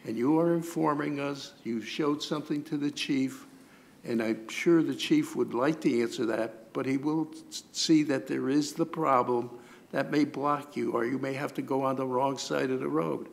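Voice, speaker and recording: Gravelly man speaking formally. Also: mid-range voice. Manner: measured, formal, explanatory. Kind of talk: formal meeting remarks. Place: town police commission meeting room.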